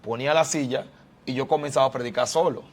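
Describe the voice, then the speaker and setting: A fast-talking man from the Dominican Republic with a mid-range voice tells his life story as a prophet and pastor in a church interview. He speaks fervently, repeating phrases like a preacher.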